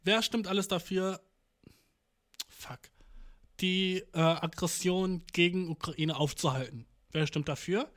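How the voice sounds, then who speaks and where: A young man with a fairly high, fairly bright voice reacts slowly to news on stream in casual commentary. He's slangy and profane, drops in English words, and does mock voices for the countries he discusses.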